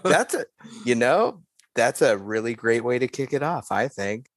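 A man hosting a casual sports podcast, playful and quick to laugh. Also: mid-range voice, very animated. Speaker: podcast host. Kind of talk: casual chat.

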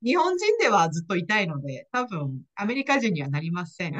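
A woman's voice: lowish voice, very animated, fairly quick. A woman hosting a podcast interview in casual chat, often nodding along with short agreements and laughing. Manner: frequent nodding backchannels and laughter. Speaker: podcast host, ICU nurse.

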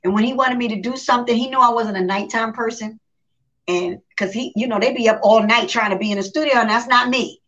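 Bright lively woman with lo-fi sound. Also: fairly high pitch, fairly quick. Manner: lively storyteller who acts out quotes and laughs often. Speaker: singer guest. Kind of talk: casual interview chat. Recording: dull lo-fi live stream audio.

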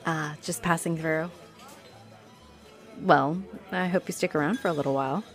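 Here a woman takes on the role of a friendly, playful, flirty female halfling orc adventurer, addressing the listener in a lightly acted audio roleplay. She speaks low at a moderate pace, teasing, coy and given to chuckles, with soft music and noticeable noise in the background.

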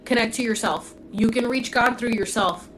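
Here the young livestream host, born in Puerto Rico and raised in Florida, sounds fairly high-pitched and fairly bright at a normal speed, with slight background noise. She answers viewer comments in a casual stream, talking into her phone. Blunt and candid, she curses freely and peppers everything with "like."

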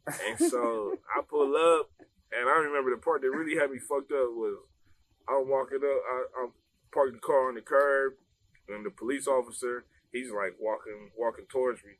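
A young man telling a casual story among friends, animated and laughing, full of slang and swearing. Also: medium pitch, moderate pace.

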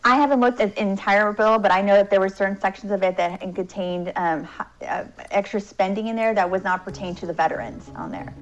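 A woman political candidate answering interview questions with repeated talking points in quick bursts. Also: mid-range voice. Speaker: congressional candidate, guest. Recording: dull lo-fi remote audio.

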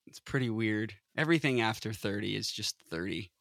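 Man in his 30s, bright tone, dry close sound; rambling podcast co-host who restarts his sentences and laughs a lot. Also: on the low side, expressive, brisk, gravelly, dry recording. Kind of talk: casual chat.

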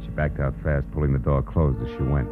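Tense this time, the deep-voiced male detective narrator stays hard-boiled, cynical and clipped, delivering 1940s noir radio narration briskly with fairly even intonation. The sound is phone-like, an old band-limited radio recording with music underneath.

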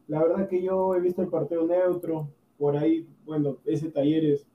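Heated Peruvian man arguing football, high-pitched. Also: level tone, normal speed. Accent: Peruvian Spanish. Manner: argumentative, repeats himself insistently. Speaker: football pundit. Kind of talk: heated podcast panel debate. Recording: distant, roomy, lo-fi mic with faint noise.

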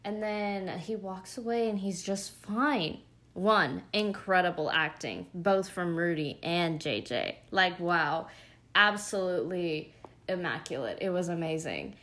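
A woman's voice: fairly low pitch, animated, unhurried, a bit bright. A young woman chatting casually as she recaps a show, rambling with lots of fillers and gushing asides. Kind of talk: casual chat.

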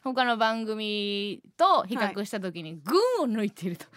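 A woman with an Osaka accent hosting a live radio show, brash and joking, quick to laugh. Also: medium pitch, a bit bright, dry recording. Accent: Osaka Japanese. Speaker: radio host, comedian. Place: radio studio.

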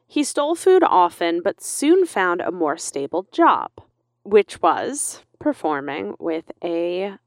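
A woman's voice: mid-range voice, dry recording, studio quality. Chatty woman co-hosting a podcast. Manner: chatty, laughs often, many fillers. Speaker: podcast co-host. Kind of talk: casual chat, storytelling.

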